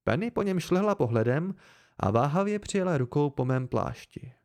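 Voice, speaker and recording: A man reading a novel aloud as an amateur audiobook, in an even, measured way. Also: on the high side. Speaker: audiobook reader.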